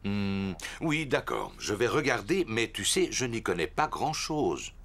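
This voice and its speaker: Un homme qui joue un papa cochon débonnaire et un peu maladroit dans un dessin animé. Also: male voice, on the low side, huge pitch swings, measured pace, a bit bright, slight background noise, exaggerated voice. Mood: obliging, unsure. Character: Papa Pig, genial bumbling adult father pig. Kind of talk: French cartoon dubbing.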